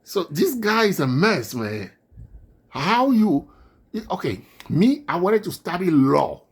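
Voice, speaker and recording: A man with a non-native accent, whose first language is not English, gives indignant political commentary. His husky voice rises and falls widely as he hammers his points home again and again. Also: high voice, big pitch swings, takes it slowly.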